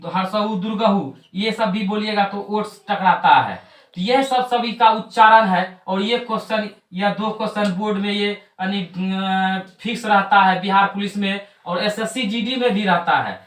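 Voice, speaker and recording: High-voiced teacher drilling phonetics. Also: male voice, steady tone, unhurried, fairly bright tone. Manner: repetitive drilling, chant-like recitation. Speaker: exam coaching teacher. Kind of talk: classroom lesson on Hindi phonetics. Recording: roomy echo, mic at a distance.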